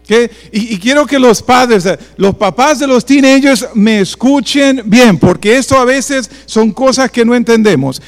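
A man in his forties from the Republic, speaking, preaching a bilingual sermon full of personal stories and speaking straight to the congregation. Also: extremely high pitch. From Dominican Republic. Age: 40s. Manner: storytelling, addresses congregation directly. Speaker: pastor. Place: church hall. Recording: long church reverb, faint mains hum.

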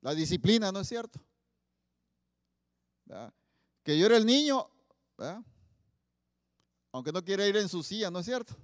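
High-voiced preacher in a hall. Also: male voice, very animated, moderate pace, pauses often, studio quality. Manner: asks the audience many questions, loud emphatic Bible quotes. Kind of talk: sermon. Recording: long hall reverb.

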